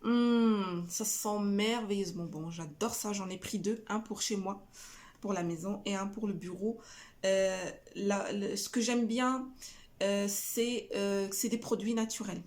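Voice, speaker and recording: Woman, middle-aged, casual haul vlog, slow unhurried pace, hesitant with fillers. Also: mid-range voice, fairly even intonation, a little mellow. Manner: hesitant, many "euh" fillers and restarts. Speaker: family vlogger showing a shopping haul. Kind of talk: casual haul chat to camera.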